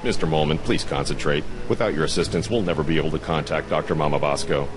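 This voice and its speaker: An actor playing a commanding, pedantic technician in a cartoon game, formal and technical. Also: male voice, rumbling low, fast, noisy background. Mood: stern urging.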